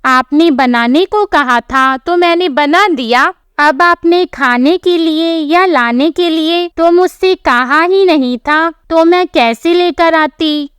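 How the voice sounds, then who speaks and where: A woman's voice: very high-pitched, slow, hardly any pauses, fairly bright tone, no room sound, full character voice. A woman voicing a naive, literal-minded young daughter-in-law who speaks politely and innocently in a storybook telling.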